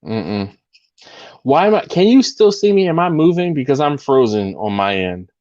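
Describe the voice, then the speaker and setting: A man's voice: medium pitch, sing-song, normal speed, a little mellow, no room sound. A laid-back man chats casually as co-host, his voice coming through a video call. The sound is dry and lo-fi, muffled at the top, and he stretches out his phrases and doubles back on words. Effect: heard over a video call. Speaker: live stream co-host. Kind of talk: casual chat. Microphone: laptop or phone video call. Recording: dull, lo-fi video call audio.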